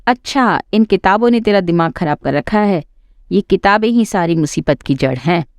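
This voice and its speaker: A woman's voice: mid-range voice, lively intonation, normal speed, no echo, lightly acted. A woman voicing a quarrelsome, scornful older mother-in-law who taunts and scolds. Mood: scolding.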